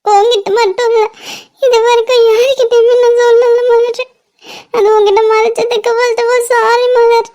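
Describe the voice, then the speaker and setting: A woman voicing a tearful young woman in a cartoon, who speaks haltingly and keeps repeating her friend's name. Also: extremely high pitch, little pitch movement, mellow. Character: tearful young woman confessing long-held love.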